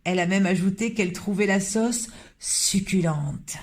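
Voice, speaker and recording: Reader voicing a gossiping storybook waiter, amused and a bit high. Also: male voice, normal speed, gravelly. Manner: chatty, mocking.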